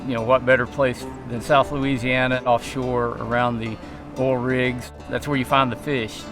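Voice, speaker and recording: A man from Arkansas speaks. His pitch is middling and his style that of a documentary interview. Music sounds clearly behind the speech. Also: level tone, moderate pace. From Arkansas, United States.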